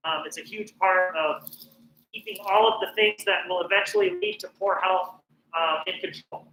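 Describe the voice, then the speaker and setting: A man's voice: high-pitched, steady tone, moderate pace, pushed and bright, roomy sound, low-quality recording. A middle-aged man from northern New Mexico, a professional chef giving a chatty, encouraging cooking class with plenty of "um" fillers. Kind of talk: casual cooking presentation.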